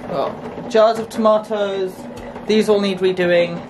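A woman in her thirties talks through her kitchen work in a relaxed, chatty way, explaining each step as she goes. Her voice sits at an ordinary middle pitch, picked up by a camera mic on the counter with clear kitchen noise behind her. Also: takes it slowly. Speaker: homestead vlogger. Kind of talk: casual kitchen chat. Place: small home kitchen, indoors. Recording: noisy kitchen camera audio.

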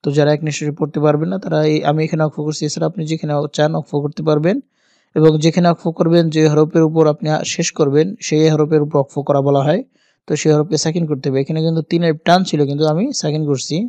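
A man teaching Quran reading step by step, spelling out each letter and vowel mark slowly and speaking to his viewers as their teacher. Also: a little high, little pitch movement, mellow, no echo. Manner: addresses viewers directly as teacher. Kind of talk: step-by-step Quran recitation lesson.

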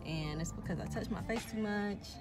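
A woman's voice: medium pitch, moderate pace. A young woman, chatting casually and rambling in a self-deprecating, slangy way while driving, a little out of breath. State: slightly out of breath. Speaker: vlogger. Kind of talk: casual driving vlog chat. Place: in a car. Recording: clear background music.

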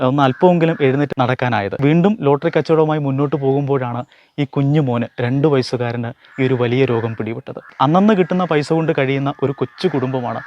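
A man reports an earnest charity appeal at an ordinary middle pitch. He talks plainly and sincerely, pausing and restarting now and then as he searches for words. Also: highs cut off, a little hiss or hum. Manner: earnest, with small hesitations. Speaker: news reporter.

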